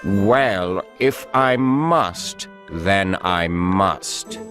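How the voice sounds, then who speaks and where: A woman voicing a fretful old male king in a storybook, speaking in a slow, weary, grumbling way. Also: very deep voice, expressive, over music, pitched below the performer's own voice, exaggerated voice.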